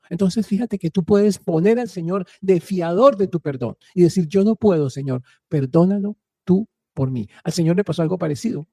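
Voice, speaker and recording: A man hosts a faith radio program about faith and marriage, his very dark, mellow voice pitched a little high. He tells stories earnestly in a preaching style and often puts rhetorical questions to listeners. The recording is dry and close.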